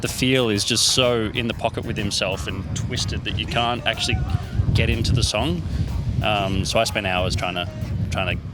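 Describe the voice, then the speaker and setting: A man's voice: lowish voice, fairly even intonation, normal speed, loud music behind the voice. A man in a band, chatting loosely in an interview with many restarts. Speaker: band drummer, guest. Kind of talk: casual interview chat.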